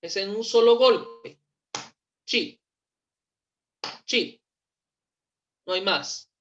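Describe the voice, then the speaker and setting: Slow, patient woman teacher on a call. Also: medium pitch, dull audio, a little hiss or hum. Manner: patient, slow, repeats words for pronunciation. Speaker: English teacher. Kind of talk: online class explanation. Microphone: computer mic on a video call.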